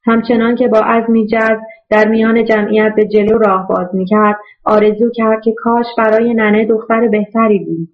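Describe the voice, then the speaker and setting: A woman narrating a novel in a steady, even storytelling voice. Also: fairly high pitch, dull audio. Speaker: audiobook narrator. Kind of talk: scripted narration.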